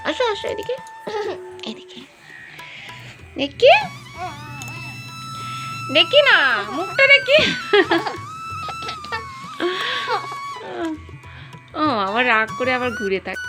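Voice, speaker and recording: A young woman cooing affectionately in baby talk to a sulking pet. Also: sits high.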